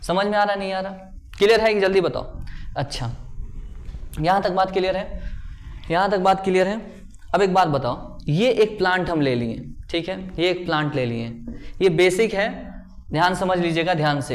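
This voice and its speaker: A man teaching a biology class in a playful way, often checking whether his students follow and voicing their questions himself before answering them. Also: high voice. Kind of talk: classroom lecture.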